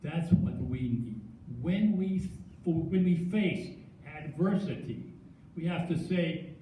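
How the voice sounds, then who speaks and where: Older male inductee, stuttering speech with restarts, mellow voice, booming echoey hall. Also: lively intonation, slight background noise. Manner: stutters, halting restarts and self-deprecating humor. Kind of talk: acceptance speech. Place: large hall with long echo. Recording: echoey hall, distant mic.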